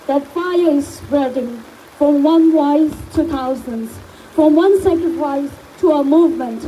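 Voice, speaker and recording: High-pitched woman giving a solemn rally speech. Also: warm tone, rough recording. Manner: slow, solemn, rising to chanted slogans. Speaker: protest speaker. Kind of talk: impassioned memorial speech at a rally. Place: outdoor street protest in the rain.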